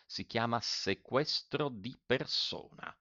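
A man voicing a measured country lawyer who explains things calmly. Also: mid-range voice, no room sound, dull audio. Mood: explaining.

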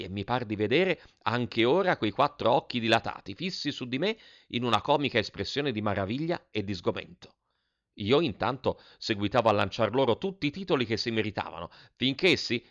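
A man narrating a children's novel in a lively, expressive storytelling manner. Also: lowish voice, dull audio.

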